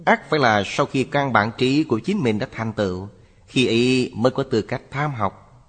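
A man giving a Buddhist sermon in a measured, lecturing cadence. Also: medium pitch, expressive, fairly bright tone, breathy edge. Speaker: Buddhist teacher. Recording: long hall reverb.

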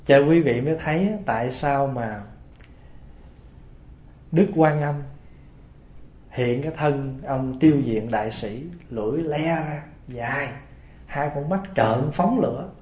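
A Buddhist preacher with a medium-pitched, slightly mellow voice tells stories in a folksy sermon, often putting questions to his listeners. The sound is roomy, dull, and lo-fi.

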